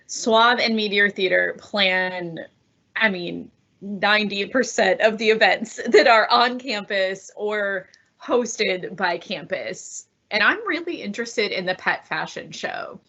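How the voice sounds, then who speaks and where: A woman's voice: medium pitch, bright, forceful tone. A woman hosting a virtual orientation, enthusiastic and asking follow-up questions. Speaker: orientation host.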